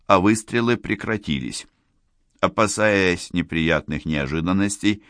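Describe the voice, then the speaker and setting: A man reads an adventure novel aloud in a low, unhurried voice. His delivery is measured and steady. The recording is close and dry, with no room sound. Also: dry recording. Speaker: audiobook narrator. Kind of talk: audiobook narration.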